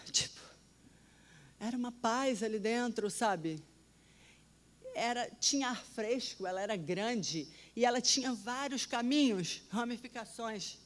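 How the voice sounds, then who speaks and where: A woman telling a personal testimony in an animated, dramatic way, often dropping to a hushed voice. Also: a little high. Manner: animated, dramatic storytelling with sudden drops to a hush. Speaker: storyteller.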